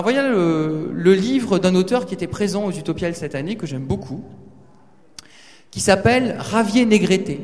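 A man giving a lively talk to students in a large hall, teasing and speaking to the audience directly. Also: fairly high pitch. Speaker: guest speaker addressing students. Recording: reverberant hall.

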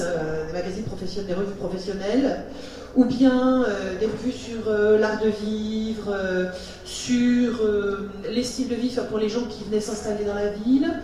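A woman of medium pitch and dark tone interprets live between English and French, hesitating with many fillers. She's recorded far from the mic in an echoey hall, with slight background noise.

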